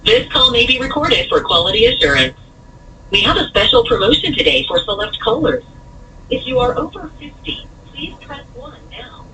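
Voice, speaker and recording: A woman on a recorded phone message, reading a scripted sales pitch that ignores the caller's replies. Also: big pitch swings, moderate pace, sharp tone. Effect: recorded phone message played over a speakerphone. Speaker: telemarketing caller. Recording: distant noisy phone line.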